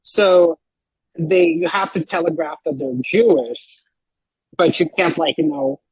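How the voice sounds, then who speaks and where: A man talking as a podcast guest, rambling and animated, with lots of filler words and a husky voice. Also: on the high side, unhurried, dry recording, muffled recording. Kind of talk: casual podcast chat.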